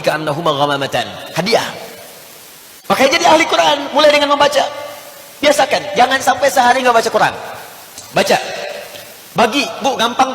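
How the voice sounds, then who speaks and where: A man delivers an animated sermon in a fairly high voice, dipping into soft murmurs and then rising to loud, emphatic lines. He jokes with his listeners and slips into chanted Arabic phrases. His voice rings through a large hall with a long reverb and a faint hiss. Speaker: ustaz, preacher. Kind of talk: lively sermon to a congregation.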